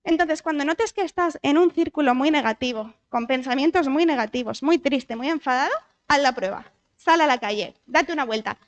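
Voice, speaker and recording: A woman's voice: high voice, moderate pace, highs cut off. A woman from Spain, a psychologist, giving a conversational talk in a church, often asking the audience questions. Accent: Spanish from Spain. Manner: lively, asks the audience questions, frequent tag questions. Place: church hall.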